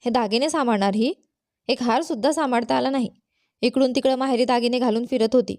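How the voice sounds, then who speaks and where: A woman's voice: fairly high pitch, a little fast, no echo, studio quality, close to an everyday voice. A woman doing a harsh, scolding mother-in-law. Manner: sharp, accusing scolding.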